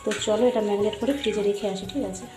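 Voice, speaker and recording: A woman's voice: mid-range voice, fairly even intonation, rapid-fire, echoey room. A woman chatting through a casual cooking vlog in her home kitchen, often checking in with viewers. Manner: chatty, keeps asking "right?". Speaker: vlogger. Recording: noisy home recording.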